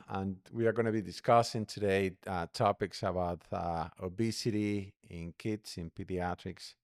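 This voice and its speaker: A man's voice: on the low side, smooth, no room sound, clean studio sound. A man hosting a medical podcast as a doctor, speaking hesitantly with many uh fillers. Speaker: podcast host, physician. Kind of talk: podcast interview.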